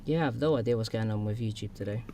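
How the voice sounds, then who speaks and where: A man's voice: fairly low pitch, racing, mellow, slight background noise. A man co-hosting a music podcast, chatting casually with lots of fillers and restarts. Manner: rambling, filler-heavy, enthusiastic. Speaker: podcast co-host. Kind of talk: casual chat about music videos.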